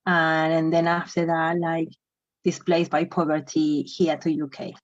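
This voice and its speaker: Lowish-voiced woman from Bolivia on a dry, muffled call. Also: level tone, no echo. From Bolivia, raised in Argentina. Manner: warm, grateful, rushed restarts. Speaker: panelist, climate activist. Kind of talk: casual introduction on a panel. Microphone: video call.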